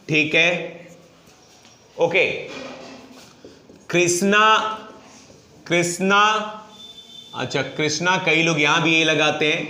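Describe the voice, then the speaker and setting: A male teacher giving a grammar lesson at a board, asking and answering his own questions and slowly dictating example phrases. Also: fairly high pitch, sharp tone. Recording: echoey room.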